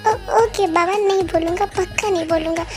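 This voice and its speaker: A woman's voice: extremely high pitch, fairly even intonation, moderate pace, loud music behind the voice. A woman voicing a cheeky teenage younger brother who whines and pleads, in a fan-dub drama. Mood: pleading. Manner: pleading, playful, complaining.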